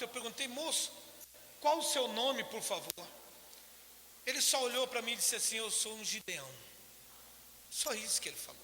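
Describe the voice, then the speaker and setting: A man's voice: extremely high pitch, bright, forceful tone, a little hiss or hum. A man with a Brazilian Portuguese accent giving an emotional personal testimony in church, acting out the voices of people in his story. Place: church hall. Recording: echoey church hall, live stream.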